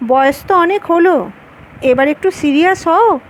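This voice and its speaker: A woman reading the lines of an earnest grown man in love who is quick to anger, in her own high voice. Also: poor audio.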